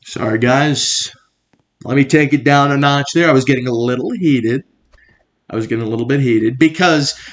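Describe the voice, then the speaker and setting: A man's voice: a little high, fairly bright tone. A young man hosting a comedy video, delivering mock-serious commentary that builds into stammering, exasperated rants.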